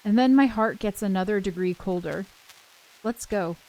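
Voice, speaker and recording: With the game's soundtrack running in the background, a female let's play host chats casually and then voices a visual novel's text. Her tone is dark and medium-pitched, delivered at a normal pace, and the recording sounds rough.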